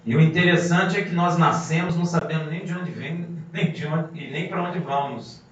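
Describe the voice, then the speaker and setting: A man's voice: on the high side, moderate pace. A man preaching a sermon, emphatic and full of rhetorical questions to the congregation. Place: congregation hall. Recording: muffled, very echoey hall from a distance.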